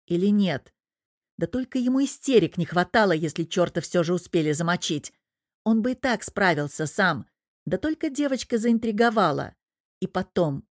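A woman narrating an audiobook in a steady storytelling manner. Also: fairly low pitch, no echo, studio quality.

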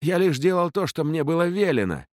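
A man's voice: fairly high pitch, sing-song, brisk, no echo, studio quality, pitched above the performer's own voice. A man reading an audiobook, voicing an old ship captain who is a cowardly traitor, whining and sobbing as he pleads. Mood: pleading. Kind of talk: audiobook character voice.

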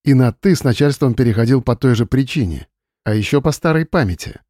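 Mellow male audiobook narrator. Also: mid-range voice, animated, quick pace, no room sound, clean studio sound. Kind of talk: scripted narration.

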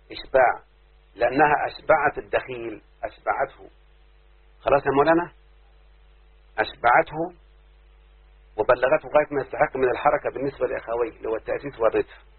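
On a very tinny lo-fi recording, a husky mid-range male voice belongs to a sheikh teaching Arabic rhyme with an Egyptian Arabic accent. Throughout the classroom lecture he keeps quizzing his students with repeated questions.

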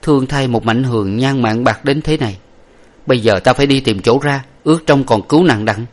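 A man voicing a brave young hero who laments loudly and blames himself. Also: mid-range voice, fairly quick, voice pushed up, lightly acted. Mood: resolute. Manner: lamenting, declamatory. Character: brave young male hero, grieving and self-blaming.

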